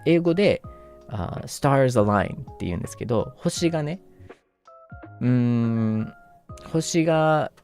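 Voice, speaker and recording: A virtual streamer with a Kansai Japanese accent chats casually with his fans, rambling, gushing thanks, and laughing often. His voice is mid-range and a little mellow.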